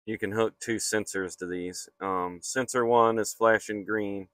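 A man talks through a repair at an unhurried, deliberate pace, plain and matter-of-fact. His voice is slightly low and clean, with a dry sound and no room echo around it. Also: steady tone, fairly bright tone. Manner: slow, matter-of-fact explaining while working. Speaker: HVAC technician. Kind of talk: hands-on repair walkthrough. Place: outdoors on a flat commercial rooftop.

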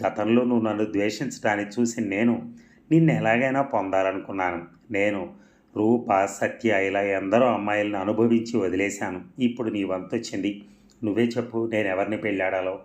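Man doing a smug heartless young village guy, cold and mocking, low voice, echoey. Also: steady tone, moderate pace, lightly acted. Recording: roomy echo.

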